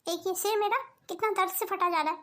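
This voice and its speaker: Woman doing a sweet hardworking cartoon bahu, squeaky high, fast talking, soothing and polite. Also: steady tone, a bit bright. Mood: gentle. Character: sweet hardworking elder daughter-in-law. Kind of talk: cartoon voice acting.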